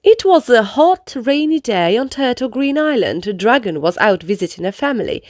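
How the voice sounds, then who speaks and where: With a high-leaning voice and big swings in pitch, a woman narrates a children's storybook at a moderate pace, explaining its lessons for young listeners. The studio-quality recording has no echo.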